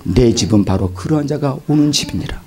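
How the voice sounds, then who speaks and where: A man preaching a revival sermon as pastor, swinging between loud exclamations and hushed asides. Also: medium pitch, lively intonation, fairly quick. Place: church sanctuary.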